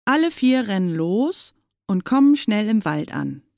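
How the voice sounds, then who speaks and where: Female storybook narrator, gravelly, dry close sound, expressive. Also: mid-range voice, measured pace, dry recording. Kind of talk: children's story reading.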